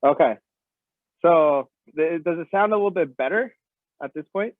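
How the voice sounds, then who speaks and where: A man's voice: fairly high pitch, moderate pace, dry recording. A male teacher leading an online class, politely taking feedback, his voice muffled as if heard through a wall. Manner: polite, thanks students for feedback. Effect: muffled, as if heard through a wall or underwater. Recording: muffled, phone-like computer mic audio.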